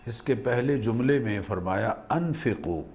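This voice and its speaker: Measured scholarly man explaining scripture. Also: medium pitch, animated, darkish tone, a little hiss or hum. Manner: measured, learned, weaves in Arabic quotations. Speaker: religious scholar guest. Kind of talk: religious explanation on TV.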